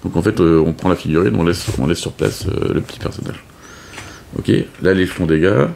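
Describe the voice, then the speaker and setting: A man's voice: deep voice, a little fast, gravelly, a little mellow, a little hiss or hum. A man casually explaining a board game setup, hesitant with many fillers and restarts. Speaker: board game video host. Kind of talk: casual unscripted game tutorial.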